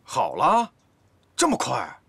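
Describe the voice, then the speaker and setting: A man's voice: mid-range voice, huge pitch swings, moderate pace, fairly bright tone, husky, dry recording, full character voice. An actor in his twenties playing a playful, teasing young office employee in a light TV drama, with a theatrical delivery. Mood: curious. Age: 20s. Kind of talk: light comedic TV drama dialogue.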